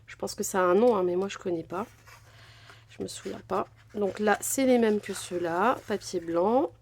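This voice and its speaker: A French woman who vlogs about crafting chats casually through an unboxing, gushing effusively and using lots of fillers. She speaks at a normal speed and medium pitch, with some vocal fry.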